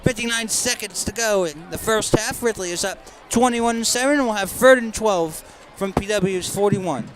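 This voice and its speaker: High-voiced young man calling football. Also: normal speed, few pauses, background noise. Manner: chatty, repeats the official calls, excitable on fumbles. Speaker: play-by-play announcer. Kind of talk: live high school football commentary.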